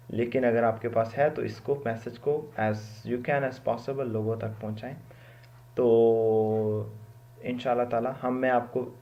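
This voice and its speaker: A Quran teacher from Pakistan gives a spoken lesson on pronouncing Arabic letters, explaining and repeating each sound as a demonstration and mixing in English words. His voice is medium-pitched with a darkish tone, and the recording sounds lo-fi.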